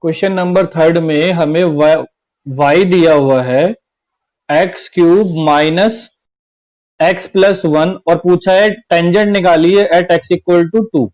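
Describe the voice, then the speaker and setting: The recording is rough, but a man's slightly high, steady, darkish voice comes through as he slowly teaches class-twelve maths online. He goes step by step, repeats every key point, and regularly says "theek hai".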